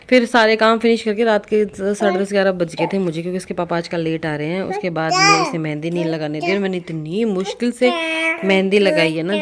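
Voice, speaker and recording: A young woman chatting casually through a home vlog. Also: lowish voice. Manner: chatty, coaxing a toddler with playful repetition. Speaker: vlogger.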